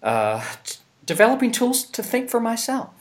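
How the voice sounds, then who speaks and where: A middle-aged man from Virginia with a Tidewater accent, interviewing in an earnest, halting, searching conversational way. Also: very high voice, big pitch swings. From Virginia, United States. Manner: halting, searching, repeats words. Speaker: interviewer and dialogue host.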